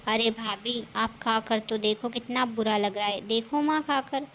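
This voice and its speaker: A woman's voice: a little high, steady tone, a little slow, a bit bright, slight background noise. A woman voicing a spoiled, complaining young sister-in-law in a cartoon story. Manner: whiny, complaining.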